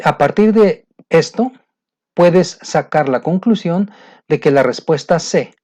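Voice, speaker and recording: A man's voice: fairly high pitch, warm tone. A man with a Mexican Spanish accent teaching an exam-prep lesson, patiently walking the student through each step. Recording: dull lo-fi sound.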